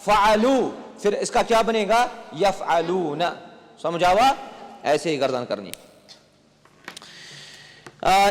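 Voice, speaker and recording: A male grammar teacher quizzing his class, asking questions, repeating their answers and praising them. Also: sits high. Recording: classroom recording with long reverb.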